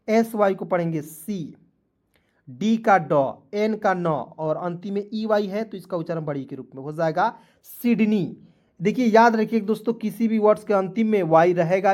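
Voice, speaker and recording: A male teacher giving an online English spelling and pronunciation lesson, spelling words letter by letter and often checking that his viewers follow. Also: high voice. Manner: spells words out letter by letter, repeats them slowly; constantly addresses viewers as friends, checking "clear?".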